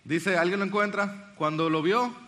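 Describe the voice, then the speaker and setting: A male preacher delivers a sermon, reading scripture aloud and asking his listeners earnest questions. His voice sits high for a man, with a bright and forceful tone. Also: normal speed. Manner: earnest, addresses the congregation with questions.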